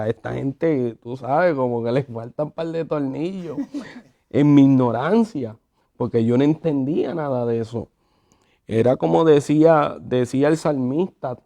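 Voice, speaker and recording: Mellow-voiced man telling his testimony. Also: a little high. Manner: animated storyteller acting out quotes. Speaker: guest sharing his testimony. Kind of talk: conversational testimony.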